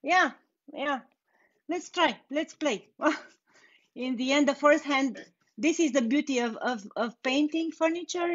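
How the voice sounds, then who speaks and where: Laughing easily, a young Romanian woman with a Romanian accent walks viewers through a live furniture painting tutorial without hurrying. Her voice leans high, and the lo-fi recording was made in an indoor workshop against a bare wall.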